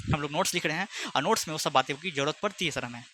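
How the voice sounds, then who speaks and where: Bright-voiced chatty maths teacher. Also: male voice, on the high side, racing, slight background noise. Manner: chatty, teasing, speaks both sides of a pupil dialogue. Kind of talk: online class lesson with imagined student back-and-forth.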